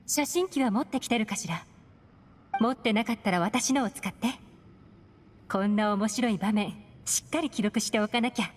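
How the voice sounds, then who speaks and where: A woman voicing a shrewd, composed secret agent in an anime game, speaking in a cool, measured, instructing manner. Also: medium pitch, slight background noise, natural voice. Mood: sly, composed. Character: composed, shrewd adult woman agent leading a covert mission.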